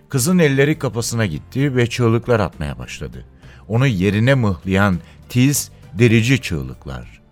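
A man narrating a thriller on the radio in a measured, dramatic way, often dropping quiet at the ends of sentences. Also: medium pitch. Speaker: radio reader.

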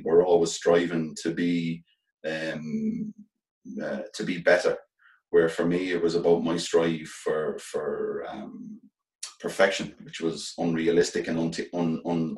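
A middle-aged man with a Galway accent from the west of Ireland, speaking earnestly and haltingly as an interview guest. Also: deep voice, flat delivery, a little mellow, recorded from a distance. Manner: earnest, halting, repeats phrases as they think aloud. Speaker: interview guest, former professional footballer turned coach. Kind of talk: reflective interview talk. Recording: echoey room, off from the mic.

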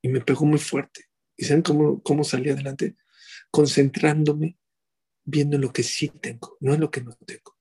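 A middle-aged man delivers a rabbi's sermon. His voice has a husky edge, and he keeps asking his listeners rhetorical questions in an animated way. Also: on the high side, normal speed.

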